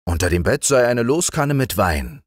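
A man's voice: medium pitch, big pitch swings, moderate pace, dry recording, clean studio sound, voice pushed up. A man voicing a sly, cunning wandering stranger in a knowing tone.

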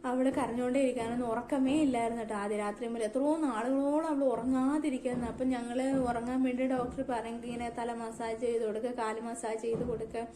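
A woman's voice: fairly high pitch, level tone, quick pace, hardly any pauses, dark tone, roomy sound, a little hiss or hum. A middle-aged woman tells her family's story to camera in an emotional way, often adding "you know". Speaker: vlogger, mother.

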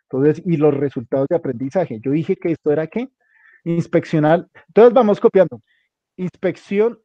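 A man's voice: on the high side, lively intonation, fast talker, no echo. A man teaching a hands-on computer class, giving directions step by step and repeating them often. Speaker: instructor. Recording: dull lo-fi recording.

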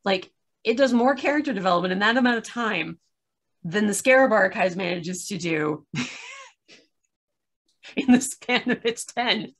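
This podcast reviewer, a woman in her thirties, chats on a video call from a small room at home in a mid-range, expressive voice at a moderate pace, pausing often. Her casual, opinionated recounting is laced with wry exasperation and acted-out asides.

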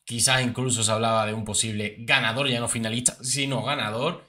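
A man's voice: medium pitch, steady tone, brisk, pushed and bright. A man giving chatty commentary on reality-show clips, with many fillers and repeats. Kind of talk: casual commentary.

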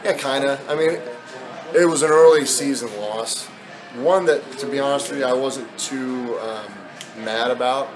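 A man's voice: mid-range voice, unhurried, over music, rough recording. A man in his thirties, a basketball head coach, talking candidly with many fillers in a postgame press interview. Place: indoor press backdrop at an arena.

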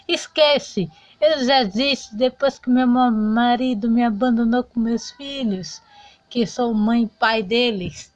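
A woman's voice: on the high side, slow pace, dry recording, highs cut off. A woman voicing Griselda, a proud single mother who raised her children alone, in a homemade doll soap opera. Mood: firm. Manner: stubborn, insistent. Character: hardworking single mother, abandoned by husband, proud. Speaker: doll novela character.

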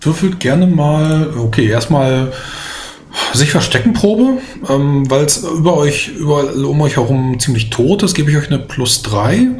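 A man's voice: on the high side, lively intonation, a little slow, a little mellow. A man narrating a tabletop role-playing game as game master, in a descriptive, explanatory way.

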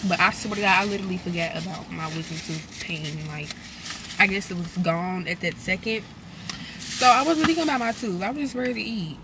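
A woman's voice: on the low side, fairly quick, gravelly. A woman talks casually and bluntly to viewers while eating a meal, mukbang style, swearing freely inside a car. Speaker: mukbang vlogger. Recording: loud car noise behind voice.

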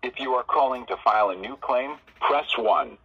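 A man's voice on a recorded phone menu message, reading out options and notices in a measured, formal way. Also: mid-range voice, slightly rough. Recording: dull lo-fi phone playback.

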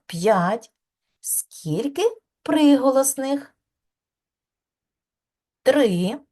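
Preschool teacher, woman, middle-aged; mellow tone, slow drawn-out questions, warm praise. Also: medium pitch, husky. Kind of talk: preschool lesson.

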